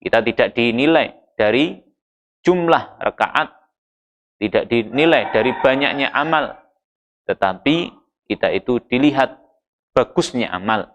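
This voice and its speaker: A man giving a Ramadan sermon, reciting Arabic verses and explaining them in a measured preaching manner, lifting his voice for emphasis. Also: medium pitch, animated. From Indonesia. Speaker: Islamic preacher.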